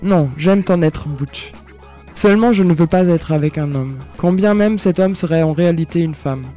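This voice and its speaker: A man's voice: on the high side, moderate pace, dark tone, faint music behind, lightly acted. A man reading as an insistent woman lover. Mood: gentle.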